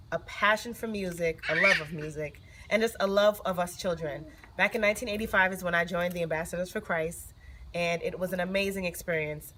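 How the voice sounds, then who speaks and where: A woman giving a steady, earnest tribute to her former choir leader. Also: on the low side, background noise. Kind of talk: heartfelt recorded tribute.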